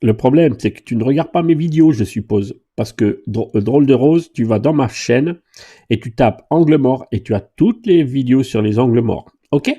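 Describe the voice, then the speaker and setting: A middle-aged man, a driving instructor, answers viewers' questions live. His pitch swings widely as he jokes and reads their comments aloud. His tone is dark and a little husky. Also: moderate pace, muffled recording. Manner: chatty, joking, animated, reads comments aloud.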